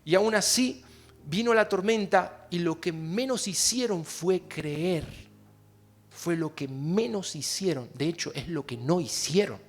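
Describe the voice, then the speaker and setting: A man preaching a sermon in an Argentine Spanish accent, addressing the congregation directly and moving between hushed and loud, impassioned passages. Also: high voice, unhurried. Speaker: pastor.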